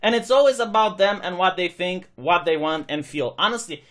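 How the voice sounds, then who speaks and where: With an animated, high and fairly bright voice at a moderate pace, a young channel host from Romania gives sarcastic commentary on his opinions, imitating critics mockingly.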